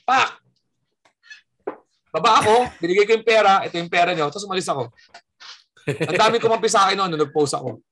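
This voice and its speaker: A man's voice: sits high, brisk, pauses often. A man from the Philippines, a stand-up comedian telling stories in casual chat and acting out the quotes in them. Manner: animated storyteller acting out quotes.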